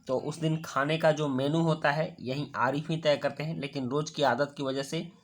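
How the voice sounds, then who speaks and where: A male teacher with a slightly high voice walks children through a worksheet. He explains patiently, step by step, repeating each word slowly so it sinks in. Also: steady tone.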